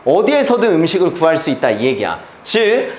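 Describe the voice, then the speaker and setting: Somewhat high and sing-song, a little fast, a male English teacher lectures through an exam passage, checking in nonstop with rhetorical questions and blunt slang. There's slight background noise, a roomy echo, and faint ambience.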